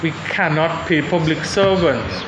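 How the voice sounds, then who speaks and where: This young man from Saint Vincent and the Grenadines is a panel speaker whose fairly high voice has lively intonation and a measured pace. He's thoughtful and hesitant, restarting many times. The recording sounds muffled, in an echoey room with background noise.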